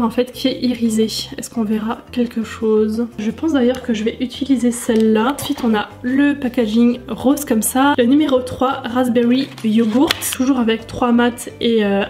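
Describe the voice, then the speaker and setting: A woman's voice: on the high side, a little mellow. Chatty woman talking makeup. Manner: chatty, many fillers, addresses viewers directly. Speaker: beauty vlogger. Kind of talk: casual makeup tutorial chat.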